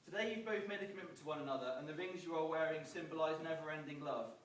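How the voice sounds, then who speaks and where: A man giving a prepared, humorous best man speech, projecting to the room with dry storytelling and pauses. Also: on the high side. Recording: echoey, distant, noisy event recording.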